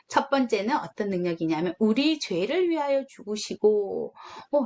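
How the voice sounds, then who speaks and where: A young woman gives a children's sermon in a slightly high, very animated voice. She tells it like a story, asks the children questions and voices the characters with expressive swings. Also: slight background noise. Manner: storytelling, acts out dialogue with lively voices. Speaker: children's ministry preacher.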